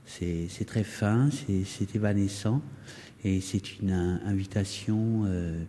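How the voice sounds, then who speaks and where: A man, an artist explaining their work in an interview, halting and searching for words, in an echoey hall. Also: low voice, warm tone, slightly rough. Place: indoor hall of a townhouse. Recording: echoey, resonant building interior.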